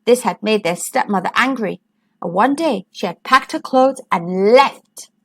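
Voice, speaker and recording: A woman reading a picture book aloud to children in an expressive storytelling manner. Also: medium pitch, measured pace, husky. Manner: expressive, sing-song storytelling.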